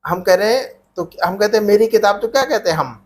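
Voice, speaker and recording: A man's animated, high voice moves at a quick pace as he teaches Arabic grammar. It's a classroom drill: he patiently repeats each question and prompts the students to answer back.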